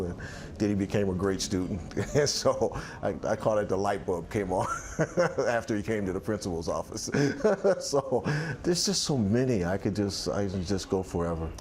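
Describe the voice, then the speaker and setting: Low and somewhat dark in tone, the voice belongs to a sixty-something athletic director giving a reflective sit-down interview outside on a balcony. He frequently restarts and fills pauses, and a little hiss or hum runs under the audio.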